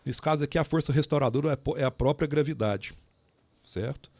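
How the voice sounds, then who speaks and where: A man's voice: medium pitch, fairly quick, darkish tone, dry recording. A man teaching a recorded engineering lecture in an informal way, speaking straight to his students with asides and restarts. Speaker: engineering professor.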